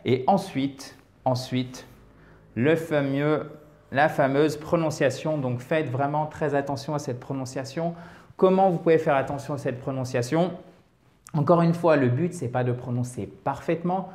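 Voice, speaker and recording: Giving an English lesson online, a French teacher walks through the material step by step with examples, often checking in with a fast "ok?" or "d'accord?". He has a fairly high pitch with a darkish tone, recorded in a roomy space.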